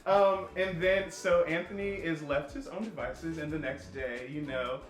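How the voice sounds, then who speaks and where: A man's voice: a little high, unhurried. A man hosting a conversational interview, explaining things emphatically as he goes. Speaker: host and writer of the series. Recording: roomy echo with music underneath.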